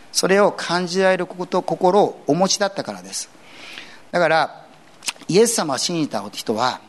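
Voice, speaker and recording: A man pastor giving an earnest sermon in a conversational way, with casual asides mixed in. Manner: earnest, conversational preaching with lively swings in pitch.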